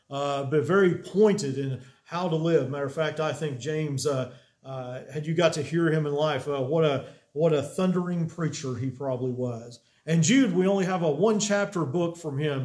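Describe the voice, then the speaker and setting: Slightly high-voiced pastor preaching. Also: male voice, darkish tone. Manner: unhurried, many "uh" pauses, rising emphasis on key words. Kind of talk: sermon with opening prayer. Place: small church room with a wooden cross on the wall.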